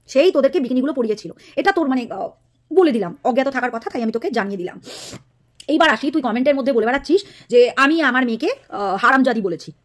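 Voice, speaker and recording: Woman vlogger with a high voice, scolding and mocking a rival straight to camera. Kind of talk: angry direct-to-camera rant.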